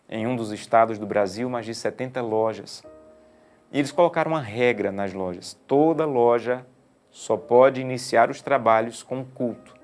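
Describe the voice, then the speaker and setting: A man preaching a sermon, swinging from hushed, slow phrases to emphatic raised lines. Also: lowish voice. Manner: preaches with wide swings from hushed to emphatic, slowing on key words.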